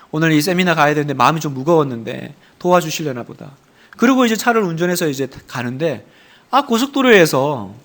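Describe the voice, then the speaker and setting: High-voiced Korean pastor preaching. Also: male voice. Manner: dramatic storytelling, swinging between loud exhortation and hushed retelling. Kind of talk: sermon.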